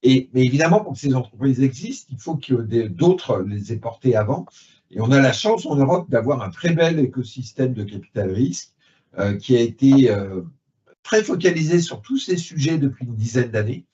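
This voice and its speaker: A man on a conference panel talks through how his fund invests, leaning on simple analogies and frequent fillers. His voice sits at a middle pitch, and the recording is dull and lo-fi. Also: animated, moderate pace, warm tone. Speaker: private equity fund director. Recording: dull lo-fi sound.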